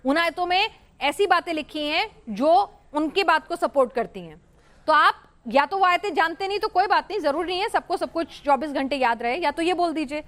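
A woman's voice: very high-pitched, animated, a bit bright. A woman anchoring a heated televised debate, pressing her guests insistently and repeating words to cut in.

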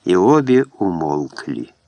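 A man narrates a historical novel as an audiobook reader in a measured, even storytelling manner. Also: low voice, dry recording. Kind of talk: scripted narration.

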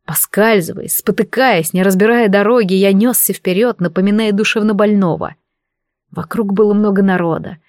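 A woman narrates a fantasy novel in the first person, reading in a steady, even manner. Her voice sits in a mid-range register. The recording is close and dry, with no room sound. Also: medium pitch, normal speed, no echo. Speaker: audiobook narrator.

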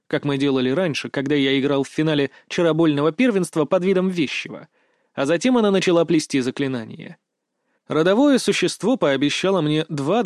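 A man narrating a first-person fantasy story in a steady, even storytelling read. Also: fairly high pitch, no echo, clean studio sound. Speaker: audiobook narrator.

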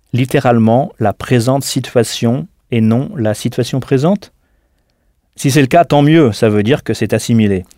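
A man gives a recorded audio language lesson in a calm, patient way. He spells out words letter by letter and pauses to prompt the listener. His voice is mellow and dark, recorded dry and close in a studio. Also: medium pitch, dry recording. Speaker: language teacher.

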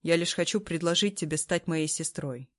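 A man's voice: on the high side, normal speed, dry recording, clean studio sound, lightly acted. A woman reading a storybook voices a laid-back, teasing retired emperor who talks in an easygoing, offhand way. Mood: earnest.

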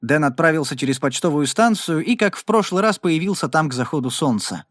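Expressive male narrator, animated reading, dry booth. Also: a little high, fairly quick, dry recording. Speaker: audiobook narrator. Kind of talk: scripted narration of a Western.

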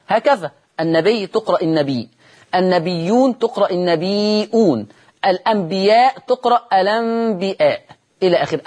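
A man with an Egyptian accent teaching Quran recitation in a televised lesson. He poses questions aloud, answers them himself, and chants the example words slowly and drawn out. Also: high-pitched, a little mellow, breathy edge. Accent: Egyptian Arabic.

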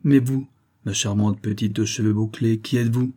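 A man's voice: on the low side, fairly even intonation, mellow, slightly rough. A man playing an insolent, cocky steward. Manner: mocking, slow and sure of himself. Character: insolent, self-assured male steward.

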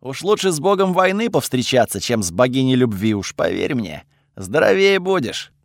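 A man voicing a snarky, sharp-tongued male god spirit in an audiobook, curt and sarcastic, with a lively swinging pitch and a dry close sound. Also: normal speed, vocal fry, no room sound. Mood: irritated. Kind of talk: audiobook character voice.

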